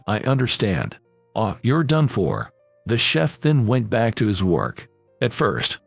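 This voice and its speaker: A young man calmly narrating a first-person story in a measured manner. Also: mid-range voice, gravelly, dry recording. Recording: dry voice-over with faint music.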